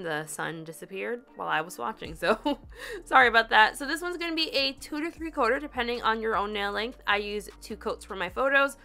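Young woman, polish reviewer; chatty, upbeat voice-over, fairly high voice. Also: bright, forceful tone. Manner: giggles at her own slips. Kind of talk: scripted product review voice-over.

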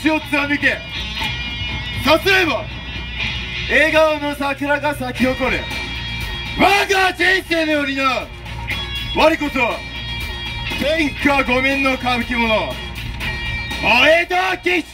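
Over loud music on a stage, a fierce, proud samurai. His voice is pitched very high, bombastic and commanding, declaiming every phrase. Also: takes it slowly, long pauses. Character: fierce, proud samurai warrior, bold and loyal. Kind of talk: theatrical samurai stage show.

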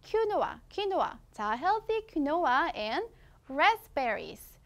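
A young woman with a Korean accent reading a children's English picture book aloud, stretching the English words slowly and explaining quickly in between, in an encouraging teacher's tone. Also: high-pitched, very animated.

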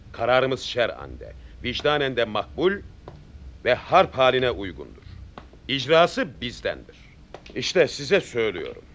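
Stern army captain, animated delivery. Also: male voice, mid-range voice. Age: middle-aged. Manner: oratorical, measured, authoritative, in short emphatic sentences. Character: stern, resolute nationalist army captain addressing townsmen. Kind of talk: period film drama acting.

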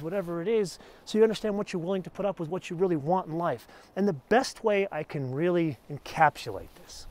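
Middle-aged male vlog host, slightly high voice, emphatic and conversational advice to camera. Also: darkish tone. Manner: emphatic and conversational, shifting pitch and volume for emphasis. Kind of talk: direct-to-camera personal advice talk.

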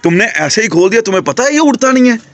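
A young man hosting a casual pet vlog at home, chatting excitedly and coaxing his animals. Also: sits high, racing, faint music behind. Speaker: pet vlogger.

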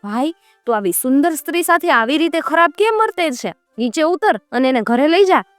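A woman's voice: sits high, lively intonation, brisk, dry recording, faint music behind, pitched above the performer's own voice. A woman voicing a proud hunting king who speaks in a commanding, lordly way.

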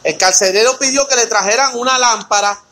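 A man's voice: very high-pitched, a little fast, sharp tone, slight background noise, low-quality recording. A man leading a Bible study. He reads scripture aloud, then explains it with rhetorical questions and talks to his listeners by name. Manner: addresses listeners by name in a conversational way.

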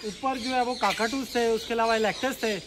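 A man with a very high voice gives casual explanations as he guides a visitor through an outdoor aviary. Heavy noise fills the background. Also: steady tone, fairly quick.

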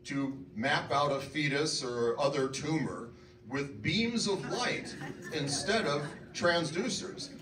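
A man's voice: on the high side, lively intonation, slow, crowd noise. A man in his seventies talking casually to an audience from an open mic stage, chatty and self-deprecating with a handheld mic. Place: auditorium stage. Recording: echoey hall, from far off, noisy.

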